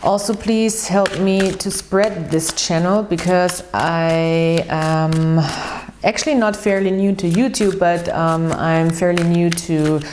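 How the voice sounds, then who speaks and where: A German-native woman with a fairly low voice hosts a casual English tarot reading on her channel, shuffling cards as she talks. She's chatty and earnest, speaking slowly in a steady tone, often restarting sentences and repeating words for emphasis against a noisy background.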